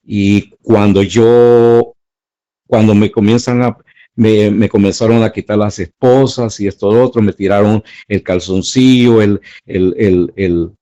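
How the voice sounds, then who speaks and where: An older man with a Salvadoran accent giving emotional personal testimony, halting and repeating words as he recalls. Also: on the low side, fairly even intonation, warm tone, highs cut off. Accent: Salvadoran Spanish.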